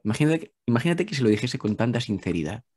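A man with a Spain Spanish accent, a guest talking calmly about spiritual ideas, repeating phrases and asking rhetorical questions. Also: mid-range voice, quick pace, breathy edge. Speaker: guest speaker. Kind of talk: reflective spiritual talk.

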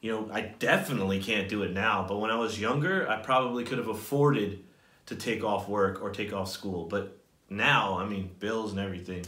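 A man's voice: on the low side, moderate pace, fairly bright tone. A young man co-hosting a vlog, talking animatedly to camera with playful banter, seated in a small room. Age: young adult. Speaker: vlog co-host. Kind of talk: casual chat to camera. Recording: echoey room.

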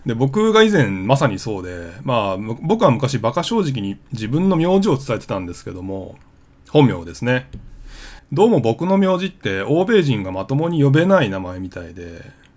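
A man's voice: medium pitch, very animated, a little fast, darkish tone. A man hosting his travel vlog, explaining things in a casual, conversational way with plenty of fillers. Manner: chatty, conversational with frequent fillers.

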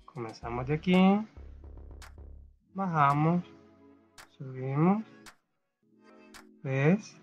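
A man, reading a story and then teaching a first-grade reading lesson, patiently repeating words slowly for young children. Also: on the high side, lively intonation, lo-fi sound, soft background music. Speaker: primary school teacher.

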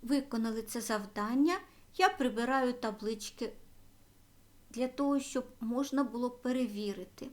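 A woman teacher giving a school grammar lesson, slowly spelling out word forms one by one. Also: a little high. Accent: Ukrainian. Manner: slow, careful dictation of word forms.

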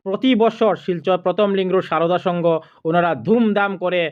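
A man's voice: sits high, fairly even intonation, moderate pace, clean tone, highs cut off. A man doing on-the-spot field reporting as a local news reporter, announcing at a crowded outdoor festival. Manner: announcing, repeats his outlet and name.

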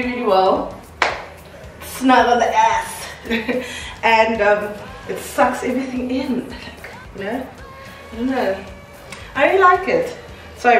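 A woman's voice: mid-range voice, far from the mic. A chatty, giggly woman talks through a clothing try-on in a loose, rambling way. She is heard from a camera set away from her in an echoey room at home, with faint music underneath. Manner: chatty, giggly, full of "like" and "you know". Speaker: fashion vlogger. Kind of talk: casual try-on haul chat. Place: room at home with a mirror, moving around. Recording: roomy, off-mic, faint music behind.

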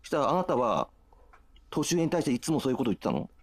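Husky, insistent man arguing fast. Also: mid-range voice, sing-song, no echo. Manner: insistent, repetitive, regional dialect speech. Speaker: caller. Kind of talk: heated livestream argument.

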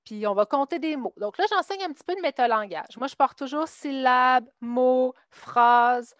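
A literacy teacher for adult immigrants, a woman with a Québécois French accent, describes her classroom method to fellow teachers, going through her reading lessons step by step and acting out her instructions to students. She speaks at normal speed in a high-pitched voice, recorded dry with clean studio sound.

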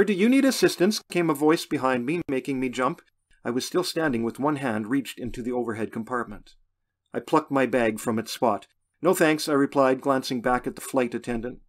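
A man reading his own novel aloud in first person, in a measured, plain storytelling manner. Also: mid-range voice. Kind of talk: first-person audiobook narration.

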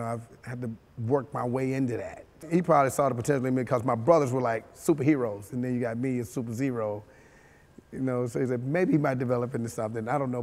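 Seated for an interview in a studio with a dark backdrop, a man from Mississippi who once played football recounts his life in an easygoing, chuckling way, with plenty of "you know." His voice is mid-range and sounds like it's in a large hall.

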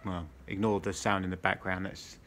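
Sitting at a cluttered indoor desk, a man making a video talks casually through a demonstration, hesitating, rambling and correcting himself. His low voice is flat, a bit bright and at normal speed. The room is noisy, with a clear motor hum and racket from the neighbours.

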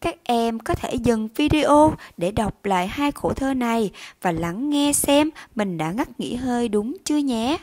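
A young woman teacher with a fairly high voice leads a children's reading lesson. She speaks slowly and deliberately, spelling out sounds with care. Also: expressive, a little mellow. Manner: slow, careful enunciation of words and syllables. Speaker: primary school teacher.

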